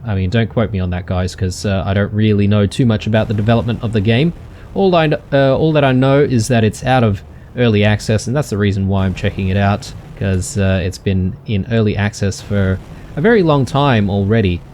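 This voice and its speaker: A man's voice: lowish voice, brisk, darkish tone, slight background noise. A man hosting a let's play, chatting casually to viewers with many ums and uhs. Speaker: gaming channel host.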